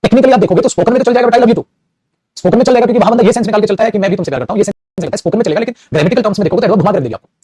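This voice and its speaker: A man's voice: high voice, rapid-fire, mellow, slightly rough, no echo. A male teacher giving a repetitive classroom-style grammar lesson, often calling his students "beta" and praising them. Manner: repetitive, addresses students as "beta", frequent "very good". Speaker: English teacher.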